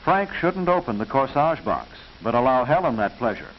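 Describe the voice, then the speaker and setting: An American man reads scripted narration for a 1940s educational film, sounding instructive and proper with measured enunciation. His medium-pitched voice is sing-song, heard through a hissy, muffled 1940s film soundtrack.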